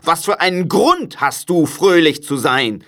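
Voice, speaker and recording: A grumbling old miser with a raised, sour voice, as a male reader puts him on. He drags out his scornful words slowly and sounds stingy and bitter. It is an audiobook reading. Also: a little high, expressive, sharp tone, voice pushed up, heavily acted.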